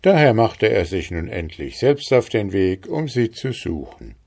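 A man reads a fairy tale aloud with a low voice and an unhurried pace. His delivery is calm and measured, a steady storyteller walking through the tale. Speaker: narrator.

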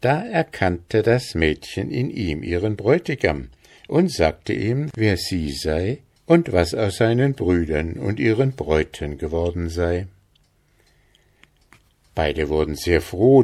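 A man narrating a fairy tale in a calm, measured way. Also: sits low.

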